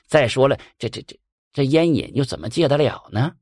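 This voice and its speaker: A man's voice: medium pitch, lively intonation, brisk, darkish tone, slightly rough, dry recording, studio quality. A man voicing a greedy male opium addict who stammers and wheedles. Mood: pleading.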